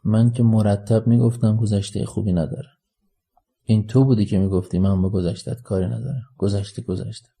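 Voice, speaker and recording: A man's voice: fairly low pitch, steady tone, vocal fry, dark tone. A man voicing a shy, proper young woman who scolds and pleads in a raised voice, read as part of an audiobook story. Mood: reproachful. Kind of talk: audiobook character reading.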